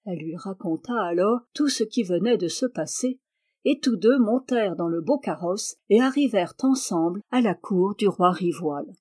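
A woman reading a fairy tale aloud in a measured storytelling manner. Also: mid-range voice, lively intonation, mellow. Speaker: audiobook reader. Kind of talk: scripted narration of a fairy tale.

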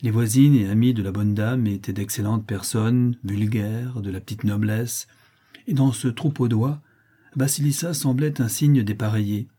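A man narrating a classic novel aloud in a measured, even storytelling manner. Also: fairly low pitch, breathy edge. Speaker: audiobook narrator. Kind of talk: scripted literary narration.

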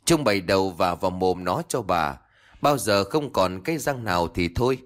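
A man doing a jealous young rich woman in a spoken ghost story, hissing threats in a low voice with a wide pitch swing. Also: lively intonation, normal speed. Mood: threatening.

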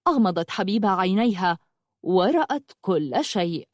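Animated woman reading a story aloud. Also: mid-range voice, moderate pace, dry recording, studio quality. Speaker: narrator. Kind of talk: storybook narration.

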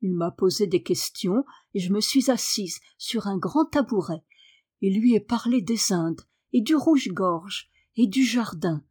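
A woman's voice: medium pitch, animated, a little slow, darkish tone, husky. A woman voicing a willful young girl who speaks firmly and earnestly. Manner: firm, earnest.

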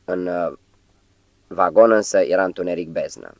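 A man reading a novel aloud in a measured storytelling way. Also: low-pitched, dry recording, muffled recording. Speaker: audiobook reader. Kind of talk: literary audiobook narration.

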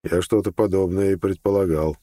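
A wise old grandfather who speaks calmly and slowly, his voice low and soft. A male narrator voices him in a dry, close recording. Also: no room sound, close to an everyday voice. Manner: calm, measured.

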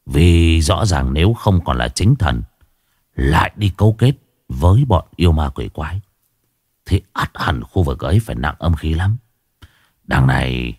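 A man voicing a clumsy, whining male sidekick in a low, deepened voice. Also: darkish tone, husky, no echo, clean studio sound, heavily acted.

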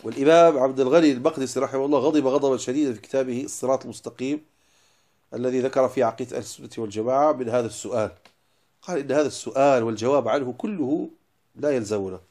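Fast, emphatic male religious teacher. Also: medium pitch. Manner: emphatic, stresses single words then drops to quiet asides. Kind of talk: lecture explaining a didactic poem.

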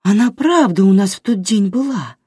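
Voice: mid-range voice, animated, moderate pace, darkish tone, no echo, clean studio sound, pitched above the performer's own voice, lightly acted. An audiobook reader voicing a fretful, tearful elderly grandmother who speaks plaintively in a raised voice. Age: older.

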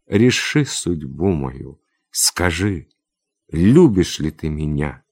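Deep pushy general, insistent and bossy, the reader voicing him, dry close sound. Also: male voice, very animated, takes it slowly, a little mellow, breathy edge, no room sound, exaggerated voice. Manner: insistent, wheedling then commanding. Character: domineering older general, pushy suitor.

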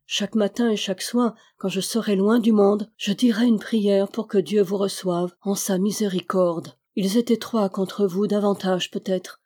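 A feverish, devout young noblewoman, read by a woman narrator, her words urgent and prayerful. The voice is warm and mellow rather than bright, only lightly set apart from the narration. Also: medium pitch, fairly even intonation, normal speed, few pauses, natural voice. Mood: fervent.

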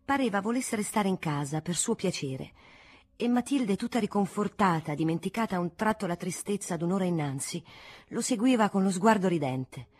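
A woman narrates a classic novel with a husky, breathy voice at a mid pitch. Her reading is measured and expressive, shaping each sentence with care. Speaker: audiobook narrator. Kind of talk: literary audiobook narration.

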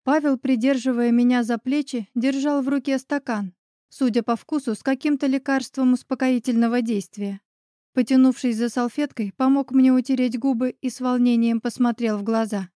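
A woman's voice: on the high side, steady tone, normal speed, warm tone, dry recording, studio quality. A woman narrating a romance novel in the first person, reading expressively and dramatically. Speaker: audiobook narrator.

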